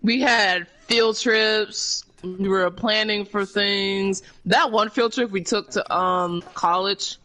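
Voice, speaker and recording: A man's voice: high-pitched, fairly even intonation, takes it slowly, sharp tone. A young man streaming a game, chatting casually and swearing often, with frequent laughs. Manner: laid-back, profane, laughs often. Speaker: gaming streamer. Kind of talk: casual chat while gaming.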